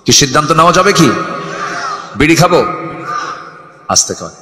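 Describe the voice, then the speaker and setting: A man preaching to a crowd, animated, pushing listeners to answer louder and shouting at the peaks, over a public address microphone. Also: a little high, normal speed, noisy background. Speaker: Islamic preacher. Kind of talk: fiery sermon to a crowd. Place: open religious gathering. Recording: echoey with long reverb.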